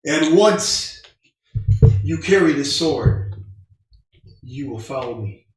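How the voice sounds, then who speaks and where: A man putting on a booming, commanding dragon god. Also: expressive, slow. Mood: solemn, commanding. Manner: solemn, proclaiming. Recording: echoey room, faint music.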